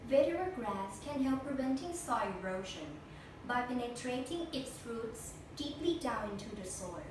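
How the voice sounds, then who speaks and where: A woman's voice: fairly high pitch, animated, normal speed. Distant, rehearsed young woman speechmaker. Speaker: speech contestant. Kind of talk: memorized competition speech. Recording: echo-heavy room, distant mic, noisy.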